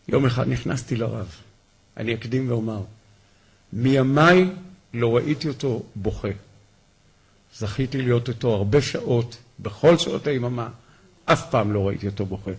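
A man giving a memorial talk, telling heartfelt, animated stories about his rabbi. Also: medium pitch, vocal fry, long pauses, husky.

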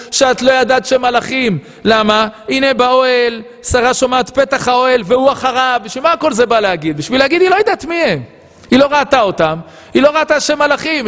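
A man's voice: very high voice, fairly bright tone. A rabbi preaching an impassioned sermon, firing off rhetorical questions and scolding his listeners. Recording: long hall reverb.

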